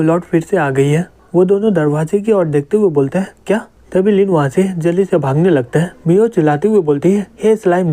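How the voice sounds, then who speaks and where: A man tells a manga story and speaks each character's lines in his own voice. His voice sits a little high. Its tone is mellow and soft. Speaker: manga explainer narrator. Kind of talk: storytelling narration voicing all characters.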